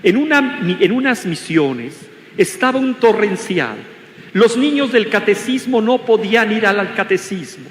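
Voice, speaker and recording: A man's voice: high-pitched, expressive, unhurried, a bit bright, slight background noise. An older man with a Mexican Spanish accent preaching a sermon as bishop, asking rhetorical questions and leading the congregation in call-and-response. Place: large cathedral. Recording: echoey cathedral with long reverb.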